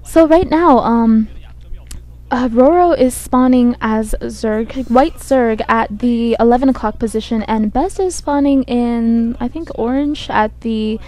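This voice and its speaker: A woman with a croaky voice from a cold gives hesitant esports commentary, thinking aloud as she goes. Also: fairly high pitch, measured pace, dark tone. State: has a cold. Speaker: game commentator. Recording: buzzy microphone.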